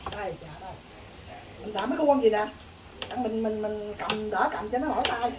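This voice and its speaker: Mother figure, middle-aged, Southern Vietnamese accent, practical tone, roomy and distant with clear background noise. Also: medium pitch, normal speed. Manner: plain, practical, explaining steps. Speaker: vlogger's mother. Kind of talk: casual cooking demonstration. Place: rural home kitchen. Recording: echoey room, voice from off-mic.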